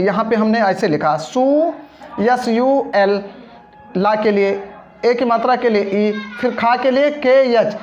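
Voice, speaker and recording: A teacher giving a step-by-step spelling lesson, patiently breaking words into syllables and checking that the class understood. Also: medium pitch. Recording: dull lo-fi audio.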